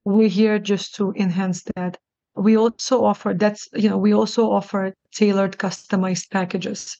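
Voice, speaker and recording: A middle-aged woman who grew up in New York after being born in Russia, speaking with a gravelly, fry-edged voice in a narrow, even pitch. She talks haltingly and earnestly, restarting her sentences, and the sound is dry and slightly dull, as if on a lo-fi line. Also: no room sound. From born in Russia, raised in New York. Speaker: guest, clinic CEO. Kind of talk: casual podcast interview.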